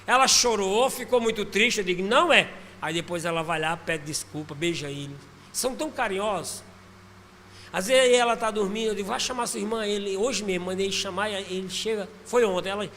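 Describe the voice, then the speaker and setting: A man preaching a lively sermon as pastor, with sudden loud bursts. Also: high voice. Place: church hall. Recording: reverberant church hall with faint background noise.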